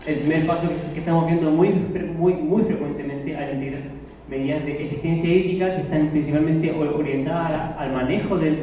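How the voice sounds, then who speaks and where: A man's voice: a little high, slight background noise. A man from Chile giving a live talk to an audience, often repeating and restarting words. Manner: many self-repetitions and restarts. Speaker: conference speaker on water efficiency. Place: event hall. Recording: echoey hall from a distance, dull sound.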